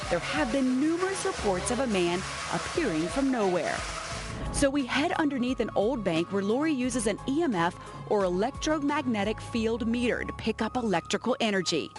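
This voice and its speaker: High-voiced American woman narrating over music. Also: big pitch swings, moderate pace. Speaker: TV news reporter. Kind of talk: scripted travel feature narration. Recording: music behind the voice. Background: background music.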